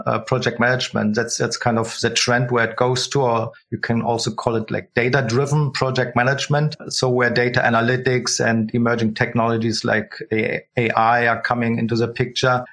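A man's voice: medium pitch, a bit bright. A middle-aged man from Germany, talking as a guest in an interview and hesitating often. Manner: hesitant, many fillers and restarts. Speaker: guest, project management coach. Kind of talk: casual interview talk.

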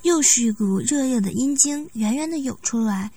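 A woman narrating a story in a steady, even reading voice. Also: on the high side, normal speed, breathy edge. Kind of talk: scripted audiobook narration.

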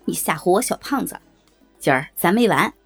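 A woman's voice: on the low side, expressive, normal speed, husky, faint music behind, pitched below the performer's own voice. Woman doing a crude wheedling fat boss. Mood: teasing. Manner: coarse, pleading, swaggering.

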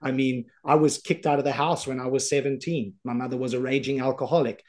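Mellow-voiced South African man. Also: medium pitch, steady tone, brisk. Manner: candid, thoughtful. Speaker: podcast host. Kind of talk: conversational podcast interview.

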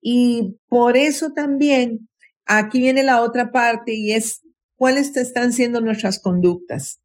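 A woman giving advice on mental health in an interview, speaking slowly and emphatically and acting out complaining voices. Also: fairly high pitch. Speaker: guest psychologist.

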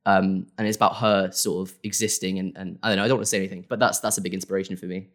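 Young guy, lowish voice, loose rambling guest chat, full of "like" and "um". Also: little pitch movement, racing. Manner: rambling, many fillers and self-corrections. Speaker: guest creator. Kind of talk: casual interview.

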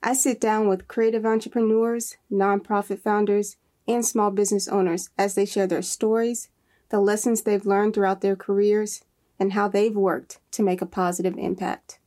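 A woman hosts a video podcast with a mellow, soft-edged voice. She is friendly and a little hesitant, smoothing her way into questions with small fillers. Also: medium pitch, little pitch movement, normal speed. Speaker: podcast host. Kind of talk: podcast hosting.

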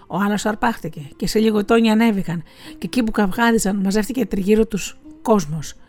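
A woman narrating a folk tale in a measured, expressive reading voice. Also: medium pitch. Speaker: storyteller. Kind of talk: storybook narration.

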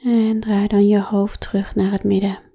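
A woman guiding a slow body-awareness exercise, speaking softly and calmly, often in a whisper. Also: medium pitch, breathy edge. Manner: soft, calm, often whispering. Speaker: relaxation guide.

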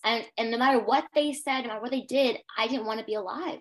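A woman's voice: a little high, quick pace. Young woman telling her story emphatically. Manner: intense, emphatic, repeats phrases for weight. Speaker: podcast guest. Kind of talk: personal storytelling interview.

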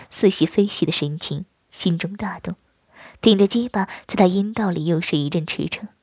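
A woman narrating an audio story in a soft, hushed, breathy voice. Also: fairly low pitch, no room sound, clean studio sound.

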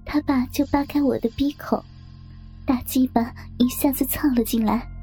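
A young woman reading a story aloud in hushed, intimate whispered narration. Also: sits high, fairly even intonation, normal speed, soft background music. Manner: hushed, intimate, breathy delivery.

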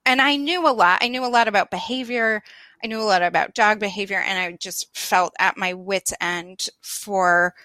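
A woman in her thirties telling a story in a casual conversation, animated and self-deprecating, often laughing. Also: mid-range voice, normal speed, no room sound. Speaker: guest.

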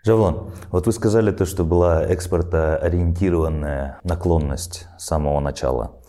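A man's voice: low-pitched, steady tone, normal speed, warm tone. A man interviewing a guest in a conversational podcast style, circling tentatively into his questions.

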